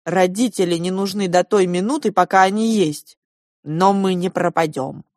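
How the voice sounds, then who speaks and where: A woman's voice: on the low side, normal speed, no echo, clean studio sound, close to an everyday voice. A woman voicing a stubborn, earnest young boy who speaks in firm declarations. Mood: insistent.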